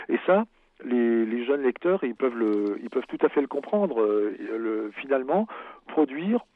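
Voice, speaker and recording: A man speaks as a guest author on the radio, pausing on fillers and then pressing hard on his main points. His voice is husky. The sound is dry and narrow like a phone line. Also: medium pitch, dry recording. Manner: hesitant, many fillers, emphatic. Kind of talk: radio interview.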